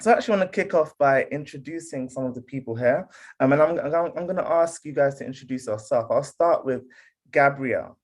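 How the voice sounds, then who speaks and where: A man's voice: medium pitch, fairly quick. A man from the UK hosting an online panel on a video call, friendly, with frequent fillers and restarts. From United Kingdom. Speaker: panel host.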